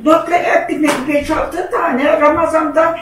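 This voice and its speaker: A woman's voice: sits high, level tone, unhurried, noisy background. An older woman, rambling homespun stories in casual family chat. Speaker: mother-in-law. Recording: echoey room, distant mic, voices around.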